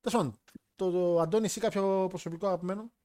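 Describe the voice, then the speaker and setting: A man hosting a casual wrestling podcast, leading the questions and swearing freely in relaxed chat. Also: sits high, no echo. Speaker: podcast host.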